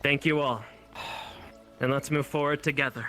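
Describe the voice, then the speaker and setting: A man's voice: medium pitch, steady tone, normal speed, sharp tone, natural voice, rough recording. A man playing an earnest guard leader who gives a formal, resolute memorial address in an online role-play. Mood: earnest, reassuring. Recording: music behind the voice.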